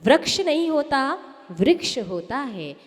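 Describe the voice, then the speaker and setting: Slow high-voiced woman preaching in a hall. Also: big pitch swings. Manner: slow, emphatic, asks the listeners questions and answers them. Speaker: Jain nun giving a discourse. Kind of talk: sermon teaching correct pronunciation. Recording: long hall reverb.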